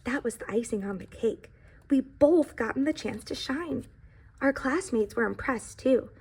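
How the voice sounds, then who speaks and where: In a high, slightly rough, somewhat mellow voice, a woman plays a young pie narrating its own tale in a children's book, making it humble, nervous and sincere. She reads a little slowly and acts it heavily, with dramatic stress. The tone is thoughtful but cheerful.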